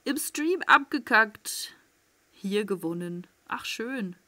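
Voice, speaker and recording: An excitable woman narrating her own gameplay in a bright, fairly high voice. She chats at her viewers with little tag questions and swears freely. She jumps from loud outbursts to tense whispers. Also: slow. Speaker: let's play gamer. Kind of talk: live gameplay commentary.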